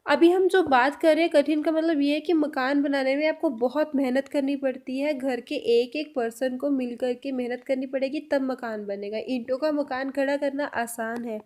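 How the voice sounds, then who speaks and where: High-voiced woman teaching phrases slowly. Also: steady tone, darkish tone. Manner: repeats each example sentence slowly, then explains it. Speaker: language teacher. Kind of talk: spoken language lesson.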